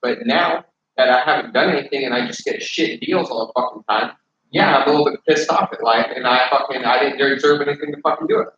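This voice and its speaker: A man's voice: mid-range voice, fast, a bit bright, a little hiss or hum. A man arguing casually, defensive and agitated, swearing often. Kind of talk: casual argument. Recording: echoey room, far from mic, dull.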